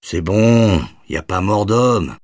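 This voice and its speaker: A laid-back, cheerful joker with a lifted, husky voice put on by a narrator. He talks in a relaxed, nonchalant way, in a storybook reading with a dry sound. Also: medium pitch, normal speed, no echo, pitched above the performer's own voice. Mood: breezy.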